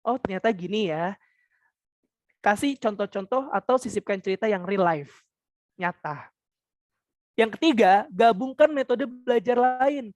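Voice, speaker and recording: A young woman leads a public speaking webinar in a lively, teacherly manner, firing questions at her audience and singing scales to show intonation. Her voice sits at a medium pitch and is recorded dry and close, with no room sound. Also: a little slow, long pauses, no echo. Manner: animated, addresses listeners directly with questions. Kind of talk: webinar talk.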